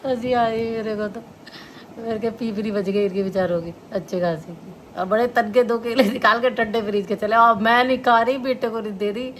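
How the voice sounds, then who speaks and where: A woman's voice: a little high, steady tone, a little fast. A chatty middle-aged woman, talking to her viewers at home. She laughs often while she tells her story. Faint room noise sits under her voice. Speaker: vlogger. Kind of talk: casual chat to viewers.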